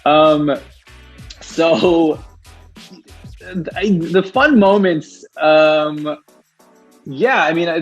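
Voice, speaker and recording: A young man talking as an actor guest in a casual interview, rambling with many restarts and frequent laughs. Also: medium pitch.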